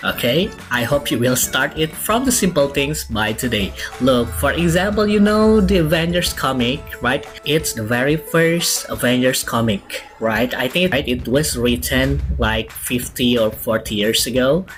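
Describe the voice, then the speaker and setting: A man's voice: medium pitch, measured pace, few pauses, a bit bright, soft background music. Indonesian-accented man, eager teacher hosting for kids. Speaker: English teacher. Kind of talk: bilingual lesson presentation for students.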